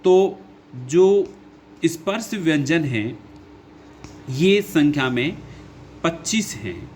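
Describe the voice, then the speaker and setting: Slow, deliberate male teacher. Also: on the high side, animated, a little mellow, slight background noise. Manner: slow, repeats points, asks and answers his own questions. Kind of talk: classroom lesson explaining grammar.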